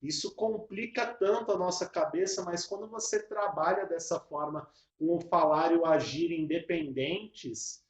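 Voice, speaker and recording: A man's voice: fairly high pitch, normal speed, few pauses. A man explaining a children's rhythm game step by step, teaching music to early-years teachers. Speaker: music educator. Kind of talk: casual teaching video. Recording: echoey room.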